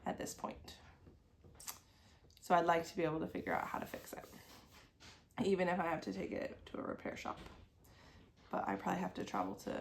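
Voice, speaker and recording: Speaking from her sewing desk at home, a woman in her thirties hosts a crafting video podcast in a lowish, gravelly, slightly bright voice over a little hiss or hum. She's sniffly with a cold and drifts through casual chat, circling topics with many "like" fillers.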